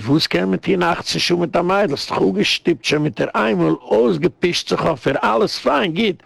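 Rabbi guy giving a lecture, kinda high gravelly voice, dry close sound. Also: no room sound. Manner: animated storyteller with sudden rises in pitch.

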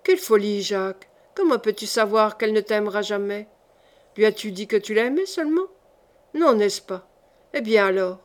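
A woman's voice: medium pitch, normal speed, close to an everyday voice. A woman reading the part of an earnest young man in an audiobook, pressing with incredulous questions. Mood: questioning.

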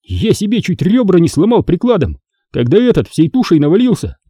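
A man's voice: sits high, wildly swooping pitch, a little fast, mellow, breathy edge, no room sound, clean studio sound, pitched above the performer's own voice, exaggerated voice. Man doing a grumbling, aggrieved rescue worker. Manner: grumbling exclamations.

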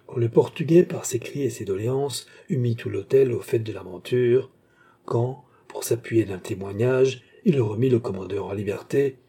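Husky-voiced male audiobook narrator. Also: mid-range voice, dark tone.

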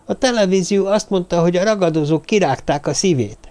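A man voicing a nervous, hushed little dwarf man who brings bad news, in an audiobook. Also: sits high, pitched above the performer's own voice, lightly acted. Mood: worried. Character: anxious little dwarf man, the group's talker. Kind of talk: audiobook character voice.

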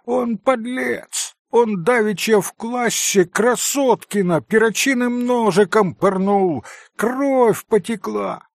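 A man doing shrill shouting schoolboys. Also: slow pace, gravelly, no room sound, studio quality, exaggerated voice. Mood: shrill jeering. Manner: high shrill shouting, drawn out. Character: excited boys, shouting and jeering.

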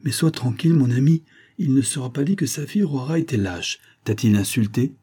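A man's voice: mid-range voice, fairly quick, dark tone, breathy edge, voice pushed up, natural voice. A man voicing a passionate, devoted young Parisian woman in an audiobook, tender and pleading.

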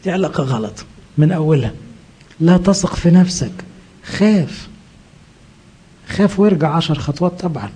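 A man's voice: a little high, animated, moderate pace, long pauses, mellow, husky. A middle-aged man with an Egyptian accent, a priest preaching a sermon who asks rhetorical questions and answers them himself. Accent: Egyptian Arabic.

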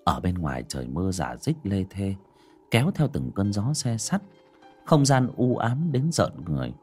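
A man reading a horror story aloud in a dramatic, expressive way. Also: sits low, moderate pace, breathy edge, faint music behind. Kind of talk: scripted horror narration.

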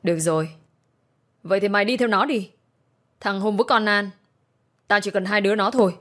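A venomous middle-aged mother snaps insults in a harsh, cursing voice, as a woman storyteller puts her on. She sounds scornful and mean through and through. The voice sits at an ordinary middle pitch. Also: fairly quick, lightly acted. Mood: bitter. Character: vulgar, spiteful middle-aged mother, abusive.

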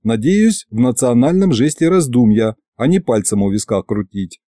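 Man, audiobook narrator, fantasy story, wry, lively intonation, mellow dark tone. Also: mid-range voice, moderate pace, no echo, clean studio sound.

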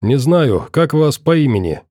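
Pointedly courteous interrogator, a man reading him, raised voice, mellow dark tone, dry sound. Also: medium pitch, big pitch swings, dry recording, voice pushed up. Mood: pointedly polite. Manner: pointedly courteous, probing, deliberate. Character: middle-aged man, coldly polite interrogator.

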